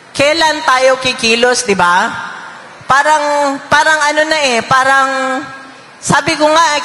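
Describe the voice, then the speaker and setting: A middle-aged woman speaking emotionally to an audience, halting and repeating her words. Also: high voice, pushed and bright, reverberant, big-room sound. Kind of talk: emotional personal testimony.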